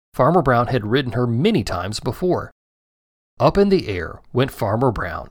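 A man narrating a children's story in a gentle, expressive storytelling manner. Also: medium pitch, no room sound, studio quality.

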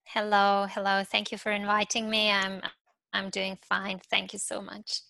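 A middle-aged woman with a Serbian accent, a university professor, gives reflective answers as an interview guest and often searches for words. Her medium-pitched voice is monotone, pushed and bright with vocal fry, at a normal speed.

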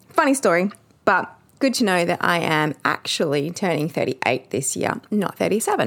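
A woman, hosting a podcast in a candid, chatty monologue full of ums. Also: fairly low pitch. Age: 30s. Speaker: podcast host.

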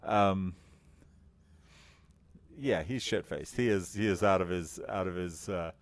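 A man co-hosting a casual chat podcast, telling a story with many fillers and frequent laughter. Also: low-pitched. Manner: laughs often, halting with fillers. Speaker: podcast co-host.

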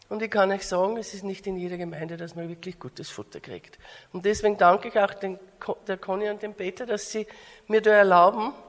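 A woman's voice: medium pitch, fairly bright tone. Austrian woman preaching in a reverberant hall. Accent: Austrian German. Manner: earnest, rising to emphatic preaching. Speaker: guest preacher. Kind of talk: sermon. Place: church hall. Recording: long church hall reverb.

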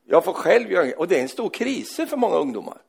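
Gravelly-voiced preacher man. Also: high voice. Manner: animated, swinging between loud exclaims and quiet reading; tag questions "va?" after points. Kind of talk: sermon.

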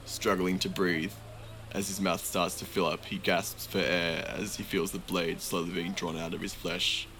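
A man narrating a tabletop fantasy game as game master, in slow, measured, vivid storytelling. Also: deep voice, flat delivery, fairly bright tone, a little hiss or hum.

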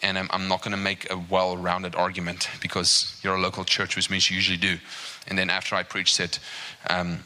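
Guest preacher, male, low-pitched voice with a sharp, forceful edge, emphatic sermon delivery. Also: brisk, hardly any pauses. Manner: emphatic, repeats "right?" and "okay?"; grows higher and more animated as he builds. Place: church service.

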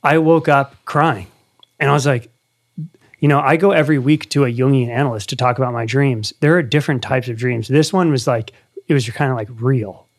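A man's voice: mid-range voice, steady tone, fairly quick. A man in his thirties, hosting a casual conversation and telling an earnest story with animation. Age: 30s. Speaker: podcast host.

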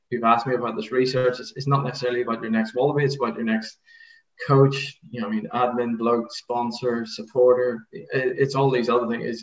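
A middle-aged man with an Irish accent, explaining things casually as an interview guest. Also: mid-range voice. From Ireland. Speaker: podcast guest, rugby coaching researcher. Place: converted garage office. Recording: dull, roomy remote recording.

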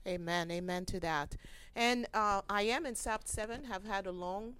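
Lady reverend hosting a podcast, smooth clear voice, gracious and welcoming. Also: medium pitch, normal speed, fairly bright tone. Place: conference center.

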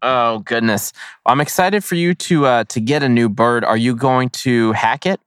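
A man's voice: medium pitch, moderate pace, a bit bright, clean tone, dry recording, clean studio sound. A man hosting a casual chat in an informal, slangy and encouraging way. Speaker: host.

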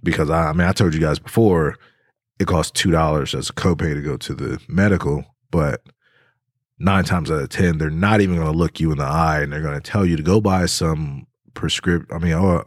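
A man's voice: extremely low pitch, dry recording, clean studio sound. A man co-hosting a podcast, telling a story in laid-back casual chat with lots of fillers and laughter. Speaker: podcast co-host.

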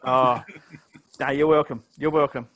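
A man's voice: medium pitch, steady tone, measured pace, fairly bright tone, a little hiss or hum, poor audio. A man with an Australian accent bantering in a casual, joking group chat, swearing freely.

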